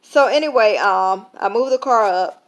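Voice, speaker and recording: A woman's voice: mid-range voice, moderate pace. A tired woman talking casually to camera, full of fillers, retelling an everyday story with quoted lines. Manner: conversational, many fillers, retelling with quoted dialogue. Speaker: vlogger sharing a faith lesson. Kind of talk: casual reflective talk to camera.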